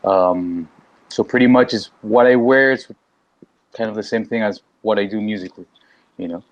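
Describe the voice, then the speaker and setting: A man from Canada, a musician and author on a panel, speaking haltingly with many restarts and fillers. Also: lowish voice, steady tone, highs cut off. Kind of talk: panel discussion.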